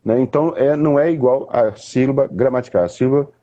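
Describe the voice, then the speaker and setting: Um homem com sotaque brasileiro explicando poesia numa conversa informal, em tom didático e sem pressa. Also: male voice, medium pitch, dark tone, lo-fi sound. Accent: Brazilian. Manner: didactic, unhurried, with frequent restarts and "né?" tags. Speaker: poet explaining literature. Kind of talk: casual conversation.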